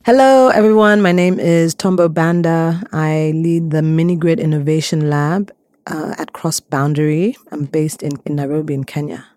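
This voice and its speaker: A woman from Malawi, a clean energy innovator, answering interview prompts in a thoughtful way, often pausing with ums and restarting her sentences. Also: low-pitched, steady tone, dark tone, dry recording.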